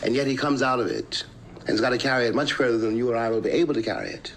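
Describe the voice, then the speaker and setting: A man speaking thoughtfully in a television conversation, measured and searching for his words. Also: medium pitch, big pitch swings, vocal fry, fairly bright tone, low-quality recording. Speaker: interview guest. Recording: archival broadcast with faint noise.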